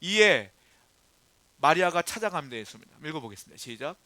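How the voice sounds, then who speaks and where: Guy pastor giving a sermon, high bright voice, lots of questions to the crowd, dry close sound. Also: very animated, a little fast, no room sound. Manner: asks the congregation rhetorical questions, swings from quiet to loud.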